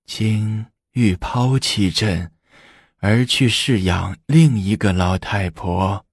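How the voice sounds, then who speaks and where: A man voicing an aged, weary empress who speaks slowly and with displeasure, in a husky voice. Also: lowish voice, no echo, studio quality, full character voice. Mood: displeased. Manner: slow, grudging, displeased. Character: aged weary empress, imperious, old woman.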